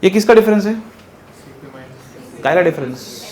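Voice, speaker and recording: A male physics teacher, lecturing in a quick, lively way. His voice sits high for a man, and he keeps asking his class questions and then answering them himself.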